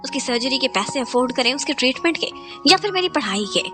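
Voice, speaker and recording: A woman's voice: sits high, animated, fast talker, over music. A woman narrating a recap of a drama, retelling each scene in Hindi sprinkled with English words. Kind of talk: scripted storytelling recap.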